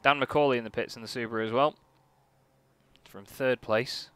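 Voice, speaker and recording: A man giving live sim racing commentary as a motorsport commentator, casual, chatty and excitable. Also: mid-range voice, normal speed, smooth. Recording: noisy, car engine sound behind. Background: racing car engines.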